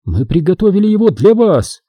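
A man reading an audiobook, voicing a defiant captive native woman warrior who shouts back at her captors. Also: sits high, very animated, fairly quick, no echo, voice pushed up.

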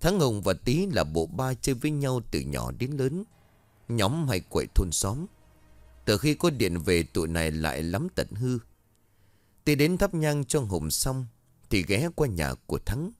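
Male ghost story narrator, measured and expressive, close dry sound. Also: medium pitch, no room sound.

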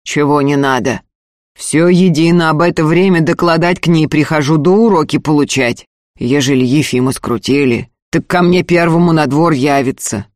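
A man reading an audiobook, voicing a stern, hot-tempered older peasant father who scolds in loud bursts. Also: fairly high pitch, moderate pace, dry recording, studio quality, natural voice. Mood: scolding.

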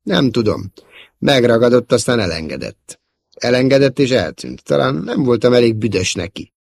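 A man's voice: mid-range voice, very animated, vocal fry, a little mellow, no echo, clean studio sound. A man voicing a young farm-boy hero who calls out urgently and nervously. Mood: shaken. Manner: urgent, calling out.

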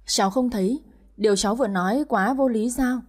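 A woman voicing an older wife who answers calmly and firmly, with a husky voice. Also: a little high, natural voice. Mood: calm reproach. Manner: calm, measured, firmly reproachful. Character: older wife, calm, firm and reproachful.

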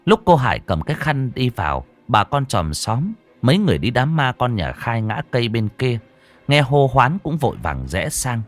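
Highly expressive male ghost-story narrator. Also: normal speed, faint music behind.

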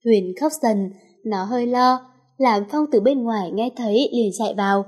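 Woman reading a novel aloud, fairly high. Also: normal speed, darkish tone. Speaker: storyteller.

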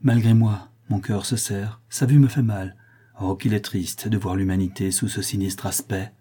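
A man voicing a gentle, timid middle-aged mother in an audiobook, speaking softly and fearfully. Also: fairly low pitch, fairly even intonation, normal speed, husky. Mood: anxious. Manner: soft, fearful. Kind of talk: audiobook character voice.

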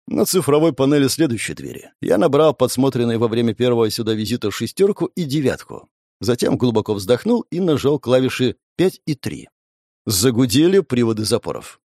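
A man reads a first-person audiobook with lively expression. His pitch moves widely through the story. The sound is dry and close, with no room echo. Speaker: audiobook narrator.

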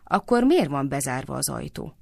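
Brief: woman voicing spiteful scold, gravelly, dry close sound, storybook reading. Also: expressive, a little mellow, no echo. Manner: shrill scolding accusations. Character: scheming suspicious old woman, quick to anger.

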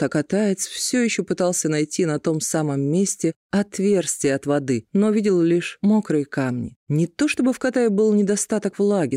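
A man reads a fantasy audiobook with a steady, measured delivery. His voice sits a little high for a man, and the recording is dry and close with no room sound. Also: no echo. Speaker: audiobook narrator. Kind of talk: scripted narration.

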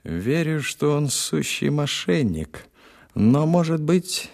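A man voicing an ironic, skeptical young gentleman with a mocking manner in an audiobook reading. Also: fairly high pitch, very animated, slow pace, creaky, heavily acted. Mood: wry, skeptical.

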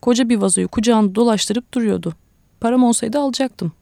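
A woman reader voicing a curious, earnest little girl who asks polite, eager questions, in a slightly gravelly tone. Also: fairly high pitch, brisk, dark tone, no echo, clean studio sound.

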